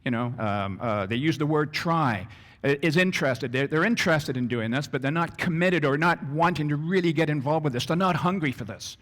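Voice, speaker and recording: A man with a fairly high voice presents a business training session in a hall with a long echo. He talks in an animated way and acts out little scenes in other voices to make his points. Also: brisk. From Canada. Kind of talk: presentation to an audience.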